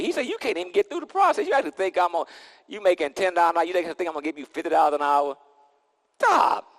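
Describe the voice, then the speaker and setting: A pastor with a high-sitting voice preaches into a pulpit microphone, sounding like he's in a big room. His sermon is emphatic and repetitive, full of casual vernacular and call-and-response.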